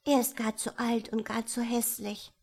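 A woman's voice: a little high, little pitch movement, normal speed, a little mellow, voice pushed up. A woman playing a whiny, blunt young girl. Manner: childishly outspoken, whiny. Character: shy crying young girl, blunt and sulky. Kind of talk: storybook reading.

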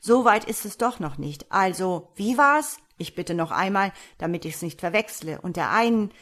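Woman reading Mistifax, loud young peasant. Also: medium pitch, expressive, normal speed. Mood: exclaiming. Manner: loud, exclaiming. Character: young male peasant, fretful, sly.

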